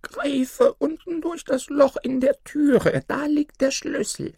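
A man's voice: very high voice, slow pace, gravelly, a little mellow, no room sound, clean studio sound, pitched above the performer's own voice, heavily acted. A man voicing a frail, sick old grandmother who calls out from her bed. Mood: calling. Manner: calling out.

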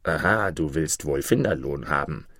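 Greedy old miser, gruff, low and grumbling, close dry sound, voiced by a man narrator. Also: expressive, moderate pace, fairly bright tone, no echo, heavily acted. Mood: grudging. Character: greedy hard-hearted old male moneylender.

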